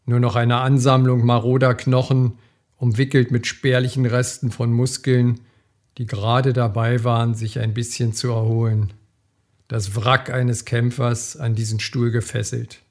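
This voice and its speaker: Male audiobook reader, slow dramatic thriller narration, mid-pitched voice. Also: level tone, a little mellow. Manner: measured, dramatic storytelling.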